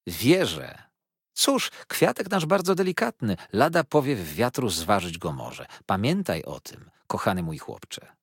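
A stern but kindly old aunt, voiced by a male reader, measured and gently firm as she counsels her nephew. The voice is husky with a dry, close sound, and its pitch moves a lot, as in a read-aloud storybook. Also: sing-song, no echo, exaggerated voice. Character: older aunt, stern yet kindly, eccentric. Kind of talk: audiobook character voice.

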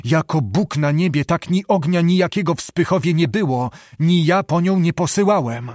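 A man voicing an old wounded knight, speaking gravely and slowly with a heavy, distraught manner. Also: a little high, darkish tone, no room sound, clean studio sound, pitched above the performer's own voice, lightly acted. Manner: grave, heavy, slow-spoken.

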